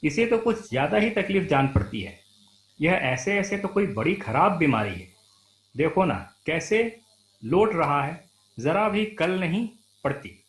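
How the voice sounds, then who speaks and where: A worried mother fusses over her ailing little son, coaxing and fretful in turn, as a male teacher reads her part. The voice sits a touch high and moves a lot. It rings in a roomy, echoing space. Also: big pitch swings, a little slow. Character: worried fussing mother of a sick boy. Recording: roomy echo.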